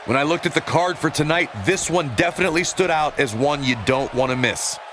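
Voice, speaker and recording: A man's voice: a little high, brisk. Male wrestling commentator in noisy surroundings. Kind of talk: sports commentary.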